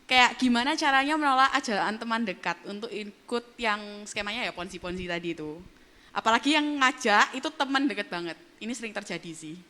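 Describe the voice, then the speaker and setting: Woman, host, bright tense voice, chatty, casual Q&A. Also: mid-range voice, expressive, brisk. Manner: chatty, reads audience questions, says "guys". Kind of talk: casual moderated Q&A.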